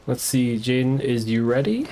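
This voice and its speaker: A man's mid-range, dark-toned voice swings widely in pitch at a normal speed as he plays a video game on stream. He keeps up easygoing, casual commentary for his viewers and himself, with slight hiss or hum in the recording.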